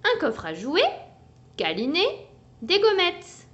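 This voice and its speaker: A woman reading a picture book aloud for young children, animated and coaxing. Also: extremely high pitch, slow, muffled recording. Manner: animated, sing-song and coaxing. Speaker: children's story reader.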